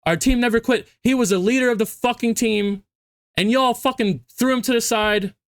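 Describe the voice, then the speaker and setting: A man's voice: very high-pitched, moderate pace, no echo, studio quality. A drunk man on a heated, profane sports rant as a fan, hammering points home by repeating his phrases. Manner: emphatic, repeats phrases for stress.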